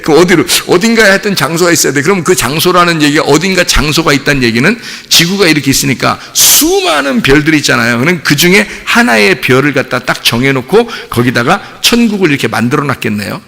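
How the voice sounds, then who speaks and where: Animated gravelly pastor in a reverberant church. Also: male voice, a little high, fast, few pauses. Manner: conversational, asks the congregation questions, animated. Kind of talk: sermon. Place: church sanctuary. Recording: long hall reverb.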